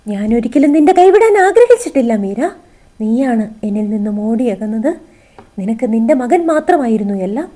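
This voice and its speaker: A woman's voice: on the high side, very animated, normal speed, dark tone. A woman reading as an anxious, pleading grown man. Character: worried grown man, a devoted father and lover.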